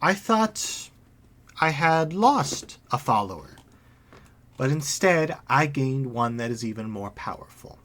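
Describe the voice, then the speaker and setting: A man voicing an eerie, faceless female spirit that collects souls, speaking in a calm, sing-song, menacing way. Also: mid-range voice, slow.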